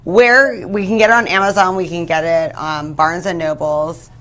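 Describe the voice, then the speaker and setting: Brief: female host, low-ish voice, short prompts, keeps the guest on topic. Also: fairly even intonation, moderate pace, a bit bright, a little hiss or hum. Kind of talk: interviewing a guest.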